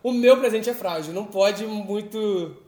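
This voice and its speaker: A man on a podcast telling a story in a lively, animated way, often laughing. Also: high voice, measured pace, roomy sound. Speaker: podcast co-host. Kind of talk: casual podcast chat, storytelling.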